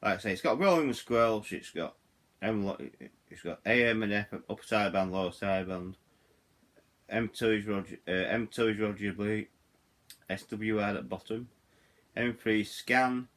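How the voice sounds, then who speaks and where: A hobbyist radio reviewer, middle-aged and from Yorkshire, England, gives an informal hands-on product walkthrough at a normal pace. His low voice with its Yorkshire accent sounds a bit bright, and he rambles, digresses, and goes back over the same points.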